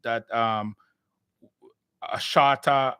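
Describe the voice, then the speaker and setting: A man's voice: medium pitch, steady tone, drawn-out words, pushed and bright, clean tone, no echo, studio quality. A man with a Jamaican accent hosting a live podcast, chatting casually and restarting his sentences with repeated words. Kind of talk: casual live-stream chat.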